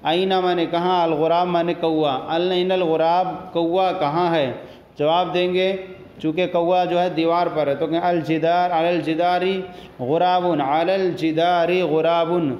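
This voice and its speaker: A man's voice: a little high, echoey room, dull audio. A man teaching an Arabic grammar lesson, repeating each phrase and translating it step by step. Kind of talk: classroom lesson explaining Arabic in Urdu.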